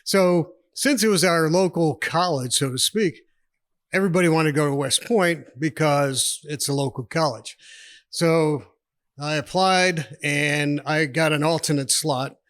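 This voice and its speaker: This retired army officer, a man in his sixties from New York State, USA, chats and rambles as a podcast guest, laughing a lot while telling stories in a casual interview. His voice is a little high with a fairly bright tone. There is no room sound on the recording.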